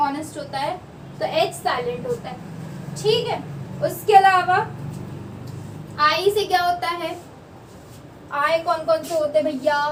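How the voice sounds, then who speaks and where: A woman teaching a lesson, explaining slowly, repeating words and checking that students follow. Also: high-pitched. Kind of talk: classroom lesson. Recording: echoey room, voice from far off, faint background noise.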